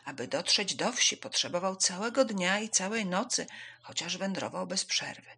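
A woman reading a children's fable aloud in an animated way, switching into voices for the characters. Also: fairly low pitch, normal speed, slightly rough. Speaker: storyteller.

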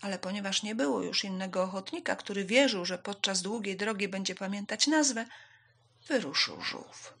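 A woman reading a children's fable aloud in an animated way, switching into voices for the characters. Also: medium pitch, normal speed, vocal fry, breathy edge. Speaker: storyteller.

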